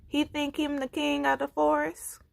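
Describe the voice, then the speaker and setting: A woman voicing a boastful, bullying male lion in a storybook, loud, roaring and imperious. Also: high voice, monotone, normal speed, vocal fry, no echo, pitched above the performer's own voice. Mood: demanding. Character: boastful, bullying male lion, self-proclaimed forest king.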